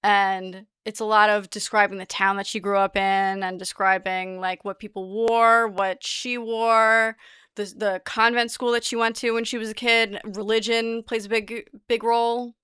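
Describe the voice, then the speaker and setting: A woman's voice: medium pitch, level tone, normal speed, sharp tone, smooth, no echo, clean studio sound. A woman vlogger chatting casually about a film and a book, often repeating words as she restarts her sentences. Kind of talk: casual chat about films and books.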